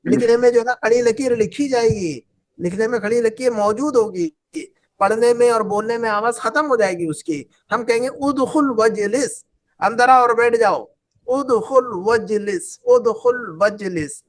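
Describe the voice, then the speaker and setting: Casting note: a patient woman teacher, repetitive, keeps asking the class questions, classroom lesson. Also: on the high side. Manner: repetitive, drills students with questions. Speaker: Arabic teacher.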